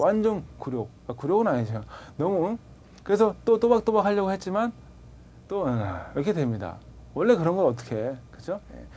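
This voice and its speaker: A man teaching a TOEIC grammar class, lively and conversational, firing rhetorical questions at his students. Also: on the high side. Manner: animated, rhetorical questions, colloquial asides. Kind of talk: classroom lecture.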